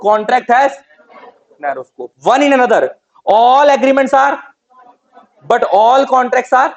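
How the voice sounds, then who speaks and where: A man teaching law in a classroom lecture, mixing with English terms and asking questions that he answers himself. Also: sits high. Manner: chatty, asks students questions and answers them himself; mixes Hindi with English terms.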